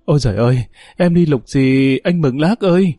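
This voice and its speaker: A man's voice: medium pitch, lively intonation, fairly quick, darkish tone, dry recording, studio quality, faint music behind, natural voice. A man voicing a coarse, bitter woman in a jail cell, wailing shrilly.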